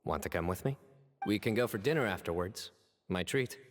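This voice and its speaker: An actor playing a calm, laconic, serious young man in a fantasy game. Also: fairly low pitch, fairly quick, long reverb tail, natural voice. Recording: music behind the voice.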